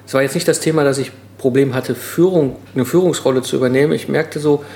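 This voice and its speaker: A man's voice: medium pitch, fairly even intonation, fast talker, vocal fry, warm tone, echoey room. A middle-aged man, a podcast guest, explaining his thoughts at length in a reflective way, with fillers and restarts. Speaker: podcast guest, solo entrepreneur. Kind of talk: casual conversational interview.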